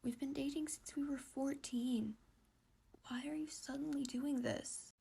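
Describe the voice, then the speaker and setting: A woman's voice: sits high, fairly even intonation, unhurried, vocal fry, mellow. A woman voicing an anxious, distressed teenage boy in a whispered role-play, with shaky, pleading, self-questioning speech. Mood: tearful.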